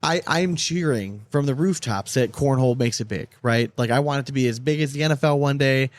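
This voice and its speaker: A man's voice: mid-range voice, a little fast, dry recording. A man hosting a casual podcast conversation, talking informally and repeating himself for emphasis. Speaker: podcast host.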